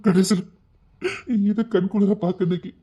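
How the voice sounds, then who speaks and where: On a dull lo-fi recording, a man gives a dramatic reading of an audio love story, voicing the characters emotionally and tearfully. He has a high, mellow, husky voice with a level tone and moderate pace.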